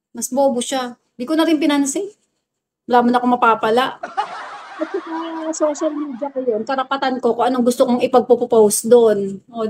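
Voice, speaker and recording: Woman from the Philippines, live-stream host, high bright voice, blunt and scrappy with hecklers, phone mic, faint hiss behind. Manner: blunt and feisty, scolds commenters, laughs often. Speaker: livestreamer. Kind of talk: casual livestream chat reading viewer comments. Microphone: phone livestream mic.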